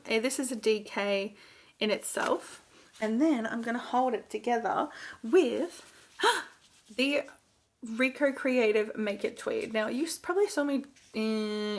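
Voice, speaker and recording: An Australian woman talks through her plans in a relaxed, chatty knitting vlog. She rambles a bit, with plenty of ums, likes and restarts, at a mid-range pitch. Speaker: knitting vlogger. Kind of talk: casual chat.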